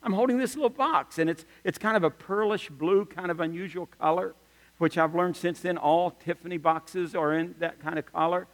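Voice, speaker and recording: A middle-aged man preaching a sermon as pastor, telling stories with humorous asides and lively emphasis. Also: a little high, normal speed. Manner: animated storytelling with humorous asides. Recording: long reverb of a large hall.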